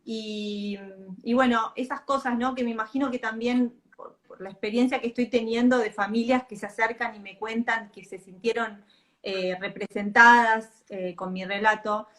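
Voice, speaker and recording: A woman's voice: fairly high pitch, steady tone, moderate pace, a bit bright. A middle-aged Argentine woman with an Argentine Spanish accent, a guest on a live-stream interview, speaking reflectively with many restarts over a video call. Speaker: guest author and mother.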